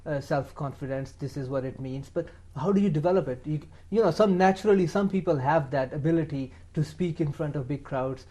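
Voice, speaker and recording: A man's voice: on the high side, fairly quick, few pauses, mellow. A man hosting a youth talk show, asking questions with many hesitations and restarts. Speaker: TV show host.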